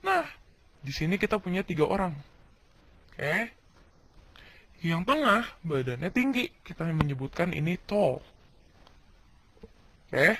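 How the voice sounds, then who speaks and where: A man's voice: sits high, sing-song, measured pace, pauses often, a bit bright, a little hiss or hum. A man from Indonesia teaching English vocabulary in a casual video lesson, chatty and slangy, asking questions and answering them himself.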